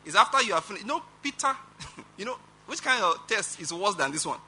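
A man with a Nigerian accent preaching a sermon as pastor, animated and emphatic, with rhetorical questions and chuckles. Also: high voice, fairly quick, a little hiss or hum.

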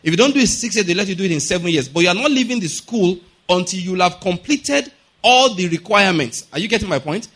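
Preaching a sermon that teaches with ordinary examples, a middle-aged Nigerian man moves point by point, repeating and often checking understanding rhetorically. He speaks at a quick pace with lively intonation in a high, fairly bright voice.

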